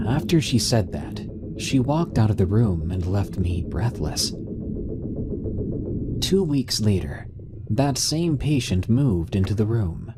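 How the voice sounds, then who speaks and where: Low mellow guy reading a scary story, lots of up and down in his voice, faint music. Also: big pitch swings, slow. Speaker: narrator. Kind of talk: scripted horror narration.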